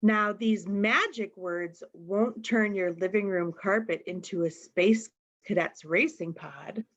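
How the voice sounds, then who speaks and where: Speaking right to her young audience and often quizzing them, a woman reads a picture book aloud at an unhurried, slow pace. Her mid-range voice is expressive, and the lo-fi recording sounds a bit dull.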